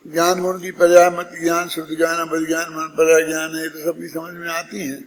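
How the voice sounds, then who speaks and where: A man's voice: fairly high pitch, monotone, fairly quick, big-room sound, low-quality recording. A man giving a scripture discourse, explaining step by step and putting rhetorical questions to his listeners. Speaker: Jain scripture teacher.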